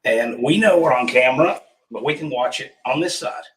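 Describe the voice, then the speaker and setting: A man with a hoarse, rusty, froggy voice, chatting casually as he hosts a livestream. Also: medium pitch, expressive, a little fast, a bit bright, recorded from a distance. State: hoarse from pollen. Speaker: host of a livestream workshop. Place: remote studio.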